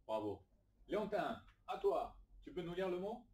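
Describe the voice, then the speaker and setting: A man teaching adults to read in a classroom, encouraging and sounding out each syllable slowly. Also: high-pitched, very animated, a little mellow, recorded from a distance. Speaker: literacy teacher. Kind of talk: classroom phonics lesson. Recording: echoey room, recorded from afar.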